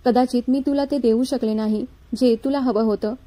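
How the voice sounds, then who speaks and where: A woman voicing a patient pregnant young wife who speaks softly and with restraint in a spoken story. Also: on the high side, steady tone, moderate pace, close to an everyday voice. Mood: hurt.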